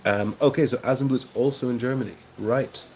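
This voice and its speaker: A man hosting a live stream, chatting casually with viewers in a relaxed way, with frequent ums and soft laughs. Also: mid-range voice, brisk, slight background noise. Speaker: host of a live watchalong stream.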